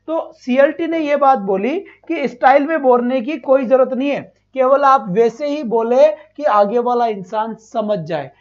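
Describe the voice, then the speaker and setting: A man's voice: very high-pitched, dull audio. A male teacher giving an online exam-prep class, asking his own questions, answering them and repeating each point, and praising the students as his children.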